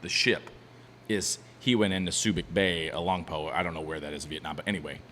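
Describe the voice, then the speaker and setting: A man's voice: low voice, steady tone, fairly quick, a bit bright. A man co-hosting a casual podcast, telling stories in a rambling way with lots of restarts. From Ohio. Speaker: podcast co-host, bar owner. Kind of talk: casual chat. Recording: long reverb, faint background ambience.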